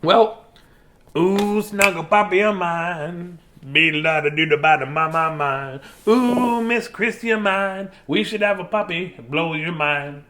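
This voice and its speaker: There's a little hiss or hum behind this man's high, pushed, bright voice as he speaks slowly. A children's bedtime story reader, he chats and reads to viewers playfully and foolishly, slipping into singsong scatting.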